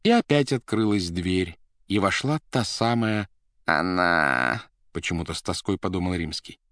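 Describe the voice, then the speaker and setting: A man narrating a literary audiobook in a measured, expressive storytelling manner. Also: low voice, dry recording, clean studio sound.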